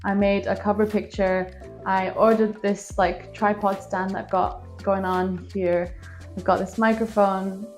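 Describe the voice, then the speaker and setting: A woman's voice: mid-range voice, flat delivery, a little slow, darkish tone. Chatty young woman vlogging, faint music. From Scotland. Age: 20s. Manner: chatty, rambling, self-deprecating. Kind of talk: casual vlog talk to camera. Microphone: phone with plug-in microphone.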